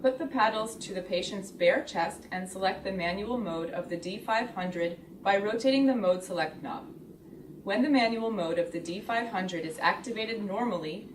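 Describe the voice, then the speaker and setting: A woman reading a scripted product tutorial in a measured, step-by-step explanatory way. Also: medium pitch. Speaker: instructional video narrator. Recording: roomy, distant, clearly noisy recording.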